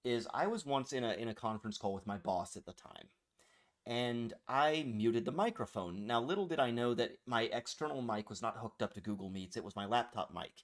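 A man's voice: medium pitch, lively intonation, brisk. A man co-hosting a podcast in casual chat about a book, rambling with self-deprecating, profane humor. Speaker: podcast co-host.

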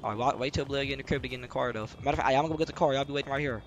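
Rapid-fire and medium-pitched, a man banters with friends while streaming a game, swearing, using slang and slipping into role-play. Vehicle sounds and other game noise clutter the audio.

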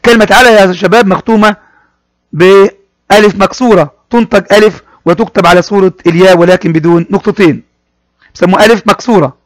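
A man teaching a primary school class, talking straight to the pupils and repeating words slowly as he explains them. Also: high voice, fairly even intonation, dry recording. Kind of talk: classroom lesson explaining a poem.

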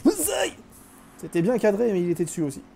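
A man's voice: high-pitched, very fast, gravelly, dark tone, soft background music. Joking young male gaming streamer. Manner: joking, self-mocking, chatty with viewers. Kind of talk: live gameplay commentary.

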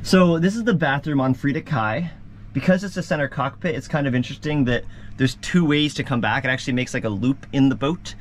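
A man's voice: medium pitch, fairly quick, a little hiss or hum. A man hosting a vlog, giving a casual, upbeat tour inside a sailboat cabin and talking straight to his viewers.

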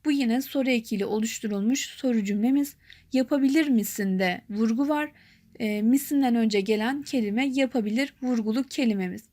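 A young woman with a high voice explains a grammar point in a measured, clear way. She reads her example lines slowly and patiently, like a teacher walking a class through them. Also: warm tone.

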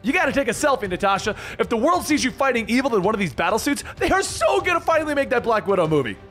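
An excitable mercenary antihero, put on by a male narrator, cracking jokes in slang. The pitch jumps high and swings about in this comic-book telling, over a music bed. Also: fast talker, heavily acted. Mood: cheeky. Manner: flippant, slangy, jokey.

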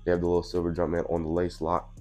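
This sneaker vlogger, a man in his twenties, talks quickly in a low, slightly mellow voice with a completely flat delivery. Allergies leave him a little stuffed up as he casually chats through an unboxing on a clip-on mic, soft music underneath. The small indoor room glows purple, and his easygoing patter is full of "you know what I'm saying."

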